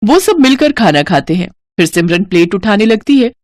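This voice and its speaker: A woman narrating a horror story in an even, expressive storytelling way. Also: mid-range voice, normal speed, a little hiss or hum.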